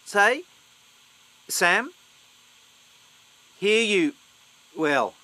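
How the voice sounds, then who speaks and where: Man, high bright voice, very slow, halting broken phrases, voice cutting in and out on a video call. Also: sing-song, poor audio. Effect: voice cutting in and out on a bad connection. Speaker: video call meeting participant. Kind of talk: scripted dialogue.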